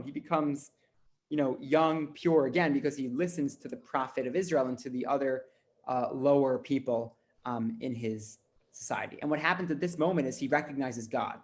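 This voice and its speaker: A man, a rabbi, teaching a casual Bible lesson, acting out the dialogue and often repeating words as he talks. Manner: animated, repeats words, acts out dialogue with pitch jumps.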